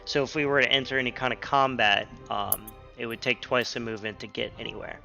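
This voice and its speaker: Casual game master over a call. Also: male voice, mid-range voice, steady tone, fast talker, vocal fry, sharp tone, lo-fi sound, soft background music. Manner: casual, full of ums and likes. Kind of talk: narrating a tabletop game. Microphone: online call mic.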